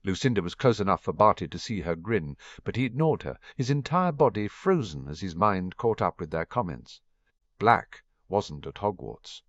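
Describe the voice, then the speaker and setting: A man's voice: sits low, moderate pace, no room sound, highs cut off. A man narrating a fan fiction audiobook, reading expressively. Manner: expressive reading with varied voices.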